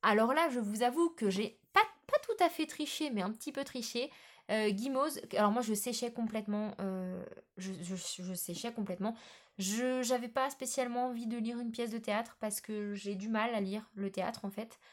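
A woman's voice: a little high, normal speed. Hesitant woman chatting about books. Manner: hesitant, frequent filler sounds and restarts. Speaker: book vlogger. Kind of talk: casual book vlog chat.

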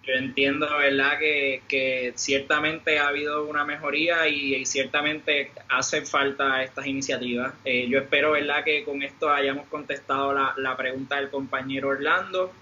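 A man moderating a panel in a polite, halting way. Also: mid-range voice, flat delivery, sharp tone, muffled recording, slight background noise. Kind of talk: moderating, closing remarks.

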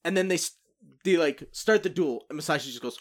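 A man's voice: on the high side, a little fast. A man in casual podcast chat, rambling with many fillers as he retells a story.

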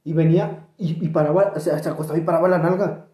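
A man's voice: on the high side, fast talker, roomy sound. A man with a Mexican accent, chatting as a podcast co-host and telling an anecdote with lots of laughter. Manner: animated anecdote-teller who laughs between lines. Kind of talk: casual chat, storytelling.

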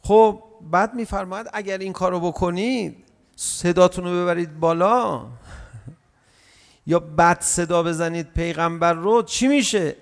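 Male religious lecturer, sermon; gravelly voice, animated delivery with drawn-out chanted verses. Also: sits high, in a large hall. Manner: lively, acts out quoted speech.

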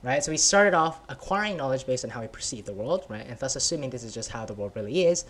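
A man's voice: medium pitch, animated, fast, a bit bright. A man reading as a patient scientist explaining. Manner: explanatory, many "right?" and "sort of" fillers. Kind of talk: read-aloud children's story.

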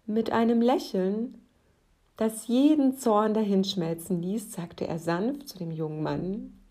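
A woman narrating a story aloud, calm and soft-spoken. She takes her time, reading at a slow, measured pace, and often lets her voice sink to a hushed whisper. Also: mid-range voice.

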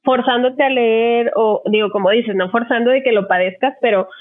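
A woman's voice: on the high side, fairly even intonation, normal speed, no echo. A middle-aged woman psychologist with a Mexican accent, hosting a podcast and talking things through at length. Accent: Mexican Spanish. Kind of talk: casual podcast chat. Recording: dry, phone-like narrow sound.

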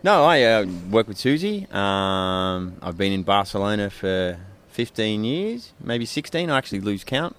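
A man's voice: on the low side, very animated, a little slow, few pauses, a bit bright, clear, resonant tone. A man with a broad Australian accent, chatting casually as a podcast guest. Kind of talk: casual chat.

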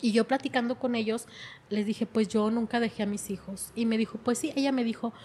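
A woman's voice: fairly high pitch, steady tone, fairly quick, a little mellow, a little hiss or hum. A middle-aged woman, telling her life story in an emotional way and often repeating her words. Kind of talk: personal testimony.

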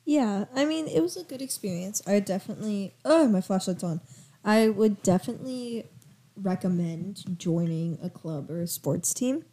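A woman's voice: mid-range voice, animated, normal speed, dark tone. Chatty teenage girl recapping her year. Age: teens. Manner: chatty, giggly, rambling recaps with fillers. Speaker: podcast co-host, daughter. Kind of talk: casual family podcast chat. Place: home room turned audio studio.

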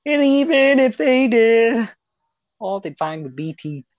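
A menacing villain gloats over a victim, as a woman puts him on. The words crawl out slowly, swinging up in pitch with relish. The sound is dry and a little muffled, like a gaming voice chat. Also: very animated, darkish tone, dry recording. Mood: gloating menace. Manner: slow, drawn-out, gloating delivery.

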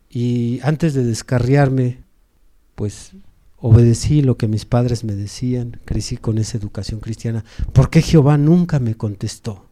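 A man's voice: medium pitch, dark tone, lightly acted. A man voicing a blind ragged beggar pleading. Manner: pleading, searching questions.

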